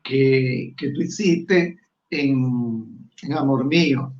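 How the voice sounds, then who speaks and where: A man hosting an interview, asking questions haltingly with repeated words. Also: medium pitch. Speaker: interviewer, host. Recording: roomy lo-fi sound.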